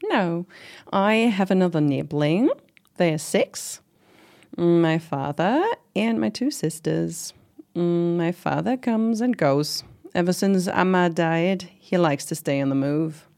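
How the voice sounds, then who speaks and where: Woman acting a low-voiced, reflective community organizer. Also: takes it slowly, creaky, darkish tone. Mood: subdued, gentle. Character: warm, proud middle-aged commune organizer recalling her life. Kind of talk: conversational oral-history interview acting.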